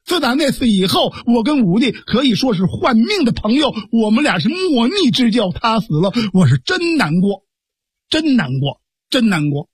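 A man's voice: very high voice, sing-song, normal speed, slightly rough, no echo, clean studio sound, full character voice. A man voicing a courteous, loyal imperial guard in traditional storytelling, earnest and pleading.

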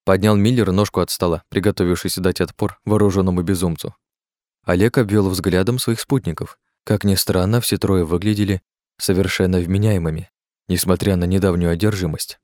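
A man narrating an audiobook in a steady, measured way. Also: sits low, dry recording, clean studio sound.

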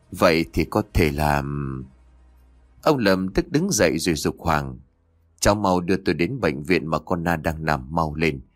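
A man narrating a horror audiobook in a measured storytelling manner. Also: sits low, no room sound, clean studio sound.

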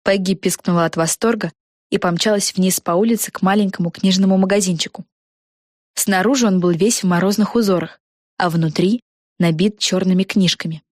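A woman narrating a children's audiobook in an expressive storytelling voice. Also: medium pitch, fairly quick, no room sound, clean studio sound.

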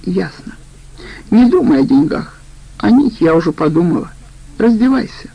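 A woman voicing a sharp-tongued middle-aged female accomplice who mocks and needles, in a storybook reading. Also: fairly low pitch, sing-song, normal speed, gravelly, breathy edge, no room sound, dull audio, full character voice. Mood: coaxing. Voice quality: mocking, needling.

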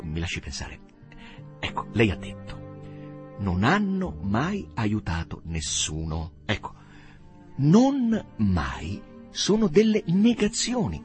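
A man reading aloud who voices a refined young woman, patiently and kindly explaining things to a young man. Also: deep voice. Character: refined young woman gently tutoring a suitor.

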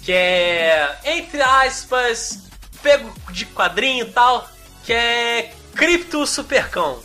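A Brazilian man co-hosting a podcast, chatting casually in an animated, rambling way. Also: very high voice, slow, faint music behind. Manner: animated, rambling, fillers of "cara". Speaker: podcast host. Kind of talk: casual chat.

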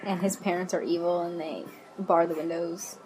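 A woman's voice: fairly low pitch, steady tone, moderate pace, a little mellow, a little hiss or hum, poor audio. A woman co-hosting a casual podcast, trading wry jokey asides with laughs. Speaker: podcast co-host. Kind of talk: casual chat.

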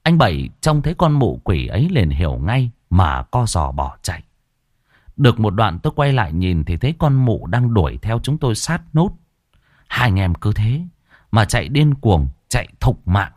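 Brief: male horror storyteller, dramatic and animated, dry close mic. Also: lowish voice, moderate pace, no echo. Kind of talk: first-person ghost story narration.

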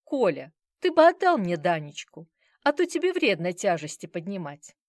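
A woman's voice: lowish voice, big pitch swings, normal speed, darkish tone, dry recording, clean studio sound. A woman reading an audiobook voices a fawning older grandmother who coaxes in a sugary, ingratiating way. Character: fawning, flattering elderly grandmother.

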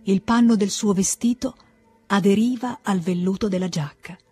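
A woman reading a classic novel aloud as an audiobook, in a calm, measured voice. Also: mid-range voice, breathy edge, dry recording. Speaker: audiobook reader. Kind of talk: literary audiobook narration.

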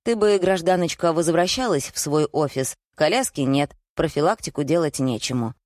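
A woman reading aloud and voicing a coarse, bullying middle-aged husband who talks gruffly and scornfully. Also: low voice, moderate pace, a little mellow, no room sound, clean studio sound, lightly acted.

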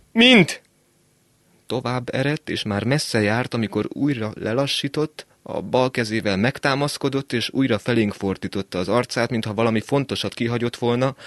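A man reading a short story aloud on a literary radio show, measured and quiet. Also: fairly low pitch, no echo. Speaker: reader.

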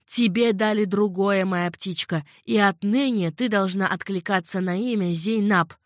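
A woman reading an audiobook, voicing a worldly old female servant who speaks calmly and patiently. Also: medium pitch, unhurried, no echo, studio quality, natural voice. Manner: unruffled, coaxing and patient.

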